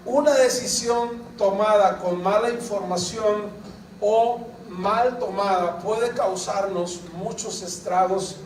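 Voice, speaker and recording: A man's voice: high-pitched, slow, a little hiss or hum. A male pastor preaching a sermon, stopping often to ask the congregation questions and prompt their replies. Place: church sanctuary. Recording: echoey church hall, picked up from a distance.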